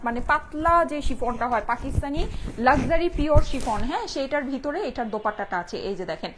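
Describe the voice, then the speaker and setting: A woman's voice: high voice, fast, a little hiss or hum. A woman hosting a live online sales stream, chatty and repeating how to order. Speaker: online shop seller.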